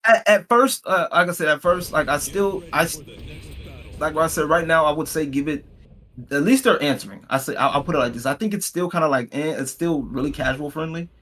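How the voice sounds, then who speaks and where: A man's voice: fairly high pitch, fairly quick, pushed and bright. A man from Texas with an American accent, chatting casually in a hesitant, repetitive way. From Texas, United States. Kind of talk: casual chat.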